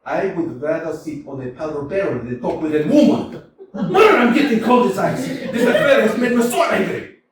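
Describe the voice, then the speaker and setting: Lurching from mutters to bellowed exclamations, a man ranting as an irate, blustering middle-aged landowner after a debt performs in a community staged reading on a small theater stage. His high voice swings wildly, with lively intonation at a moderate pace. The theater is very echoey, he sounds far from the mic, and there's a faint hiss.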